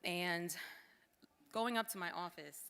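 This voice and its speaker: A woman's voice: on the low side, slow pace, sharp tone, smooth. Heartfelt woman speaking in a reverberant hall. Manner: heartfelt, informal asides to the crowd. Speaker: former cultural center director giving a thank-you speech. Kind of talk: emotional gala speech. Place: large hall at a formal gala.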